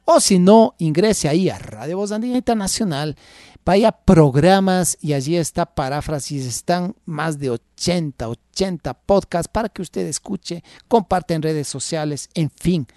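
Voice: a little slow, no echo, clean studio sound. A radio host teaching academic writing who reads punctuation marks aloud, repeats each example and drops in "ajá" asides. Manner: lively, varied pitch with frequent "ajá" asides.

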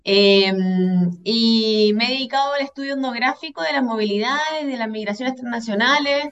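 A woman's voice: a little high, normal speed, lo-fi sound, soft background music. A woman from southern Chile, a guest anthropologist, answering questions hesitantly with many fillers. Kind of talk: casual interview.

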